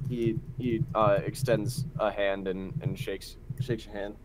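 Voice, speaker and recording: A man's voice: lowish voice, little pitch movement, a little slow, very noisy. A man narrating as game master of a tabletop game in a loose, filler-heavy way.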